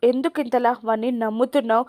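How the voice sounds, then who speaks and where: A woman's voice: a little high, fairly even intonation, fast, a little mellow, no room sound, studio quality, natural voice. A woman voicing an angry middle-aged father who hurls accusing questions, in a story recap.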